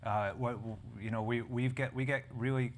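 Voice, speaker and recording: The editor of a health publication moderates a live panel at a conference before an audience. His mid-range voice has fairly even intonation and a moderate pace, and he rambles, restarting and correcting himself with frequent fillers. There's a little hiss or hum.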